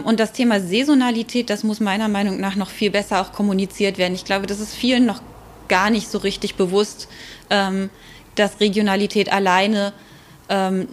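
In an interview, a woman gives informal, expert responses at a medium pitch with fairly even intonation. She sounds thoughtful, breaking often into hesitant pauses.

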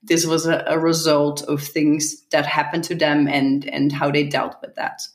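A female guest answers interview questions thoughtfully in a low, level, slightly slow voice, laughing lightly. She often repeats a word while gathering her thoughts, and the room sounds echoey.

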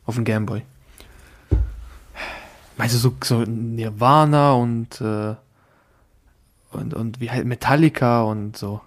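A man's voice: mid-range voice, fairly even intonation, slow pace, long pauses. A young man chatting casually, teasing his friend with slangy, pushy questions. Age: young adult. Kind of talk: casual chat.

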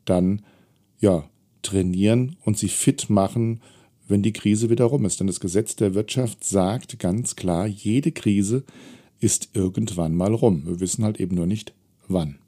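Low, mellow-voiced middle-aged man. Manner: candid, reflective, wry. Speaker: self-employed trainer. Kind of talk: personal storytelling talk.

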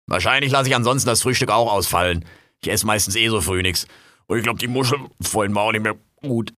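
A man voicing a brash, foul-mouthed male raccoon, loud and jumpy in an audio drama. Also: lowish voice, fast, dry recording, clean studio sound. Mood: offhand. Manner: loud, cursing, jumpy and excitable.

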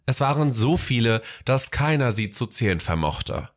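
A man narrating a Christmas storybook tale in a gentle, measured way. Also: mid-range voice, big pitch swings.

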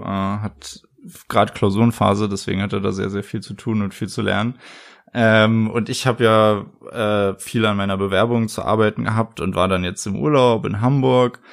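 A young man hosting a podcast in a relaxed, loose way, with lots of fillers and restarts. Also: on the low side, creaky. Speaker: podcast host. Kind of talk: casual chat.

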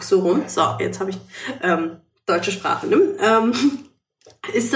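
A woman hosts a relaxed conversation, often pausing and restarting as she hunts for the right word. Her voice sits in a middle register. It sounds roomy and a little far from the microphone. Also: mid-range voice. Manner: searching for words, many fillers and restarts. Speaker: podcast host, acro yoga teacher. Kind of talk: casual conversational interview.

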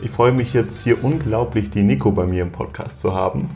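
A man's voice: fairly low pitch, a little fast, darkish tone, faint music behind. A man hosting a podcast interview, talking in an upbeat, chatty way with some fillers. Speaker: podcast host.

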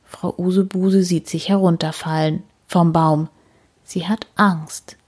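A woman reading a children's story aloud, slow and expressive with deliberate repetition. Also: on the low side, slightly rough.

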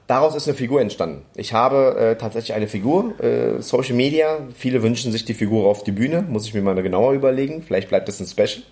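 A man chatting casually as a podcast co-host, relaxed and halting with many fillers. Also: mid-range voice. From Germany. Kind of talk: casual chat.

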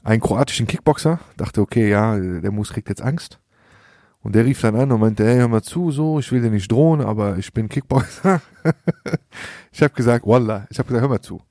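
A man's voice: mid-range voice, fairly quick, mellow, dry recording. Young man, podcast host, slangy storyteller who laughs a lot, dry close sound. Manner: slangy, laughs often, acts out quoted dialogue. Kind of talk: casual storytelling chat.

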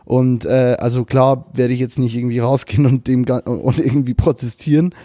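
A man's voice: medium pitch, steady tone, brisk, warm tone, no echo. A young man co-hosting a casual podcast, speaking loosely with slang, swearing and English words mixed in. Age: young adult. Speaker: podcast co-host. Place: remote call at a computer with webcam.

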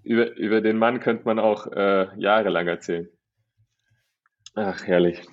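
A man's voice: on the low side, fairly even intonation, moderate pace, dull audio. A man co-hosting a podcast, telling stories playfully and acting out the dialogue. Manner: playful storyteller, acts out dialogue. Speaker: podcast co-host. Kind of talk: casual podcast chat.

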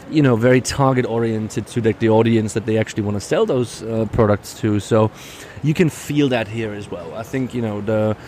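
A car show reviewer with a fairly low, slightly mellow voice chats casually as he walks around a busy motor show hall. He's hesitant, full of fillers and repeats, and the recording picks up the noisy show floor.

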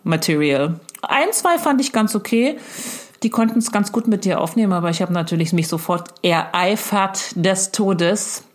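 A woman's voice: medium pitch, lively intonation, normal speed. Effusive, chatty middle-aged woman. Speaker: mother addressing her grown daughter. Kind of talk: casual video message. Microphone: handheld phone.

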